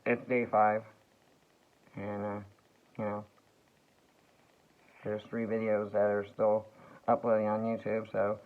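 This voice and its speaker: A man rambling through a slow, halting vlog monologue full of fillers and restarts. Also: lowish voice. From United States. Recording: tinny phone-like sound.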